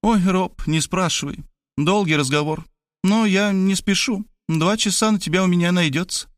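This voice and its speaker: A man's voice: high voice, normal speed, no room sound, studio quality, pitched above the performer's own voice, close to an everyday voice. A man voicing a brash, pushy eighteen-year-old girl who chatters in slang and keeps insisting. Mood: casual. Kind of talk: audiobook character voice.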